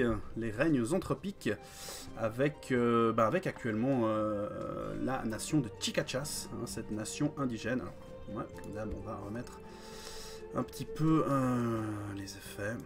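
Male streamer, mid-pitched, halting delivery full of fillers, live game commentary over faint music. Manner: hesitant, many fillers, greets chat viewers.

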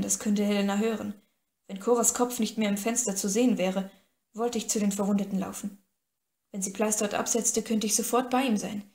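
A woman narrating an audiobook in first person in a calm, even storytelling voice. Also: mid-range voice. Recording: echoey room.

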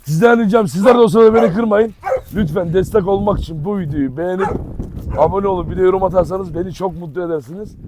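Vlog host, man from Turkey, high-pitched and teasing, with a faint hiss behind him, outdoors by a camera mic. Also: fast. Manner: loud, teasing, coaxes dogs with pet names. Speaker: dog channel host. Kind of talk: casual vlog to viewers. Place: outdoor yard with dogs.

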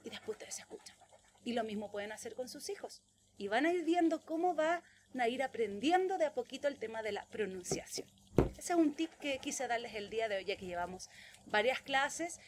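A woman teacher, giving a virtual English lesson to preschoolers and drawing out the English words slowly and loudly for them to repeat. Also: a little high, a little hiss or hum. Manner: exaggerated, slow, loud drill words for children to repeat.

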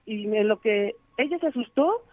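A man's voice: very high voice, expressive, normal speed. Man telling his story over a phone line. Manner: rambling, many "este" fillers. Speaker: caller. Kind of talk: telling a true scary story.

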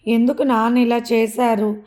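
A woman's voice: on the high side, flat delivery, moderate pace, a little mellow, lightly acted. A woman reading a naive frightened young daughter. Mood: coaxing. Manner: naive, coaxing.

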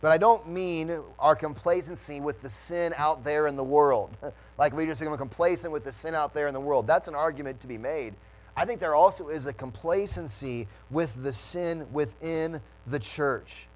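Earnest preaching man, somewhat high voice. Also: normal speed, poor audio. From United States. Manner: earnest, restarts phrases while preaching. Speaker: pastor. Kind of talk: sermon.

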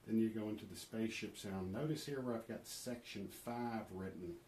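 Earnest low-voiced man explaining recordings. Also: moderate pace, slight background noise. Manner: awed, earnest, quotes heard voices softly. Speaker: paranormal recording investigator. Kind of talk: earnest explanatory monologue with scripture reading.

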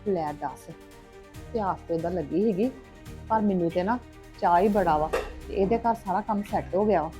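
A woman's voice: on the low side, normal speed, pauses often, mellow, faint music behind. A woman playing a visiting sister in a scripted family drama, talking in an earnest, advising way.

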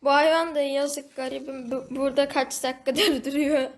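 A woman's voice: sits high, little pitch movement, normal speed. A woman giving casual, chatty commentary over her gameplay, talking to the game animal and to her viewers. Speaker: gaming video host.

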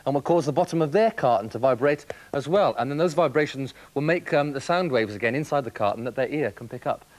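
A young man presenting a children's TV programme, explaining things to young viewers in a jokey, lively way. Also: mid-range voice, quick pace.

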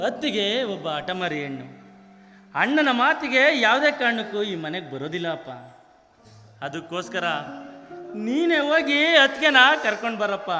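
A man's voice: high voice, big pitch swings, moderate pace, pushed and bright, big-room sound, faint music behind, heavily acted. A man playing an earnest, dutiful young son in a village stage melodrama, pleading with his parents. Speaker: stage actor.

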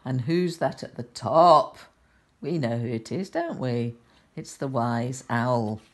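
Sweet old granny reading a kids book, deep-ish voice, takes it really slow, gentle with little asides. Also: female voice, animated. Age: older. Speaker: grandmother reading a picture book to children. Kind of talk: storytelling aloud to young children.

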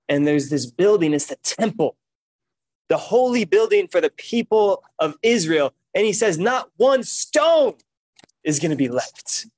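A young man preaching and reading scripture from a lectern, with an emphatic, deliberate public delivery. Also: a little high, no echo. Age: young adult. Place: meeting room, standing at a lectern.

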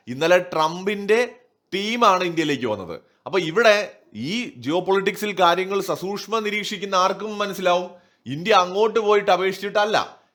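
An online news commentator, male, delivers opinionated political commentary in a slightly high, somewhat bright voice. He's emphatic and rhetorical, posing questions and then answering them himself.

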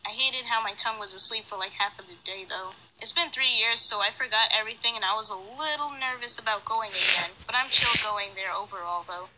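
A young woman telling a story in a casual, animated scripted narration, in a youthful voice. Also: mid-range voice, fairly quick, hardly any pauses. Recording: noisy screen-recorded playback.

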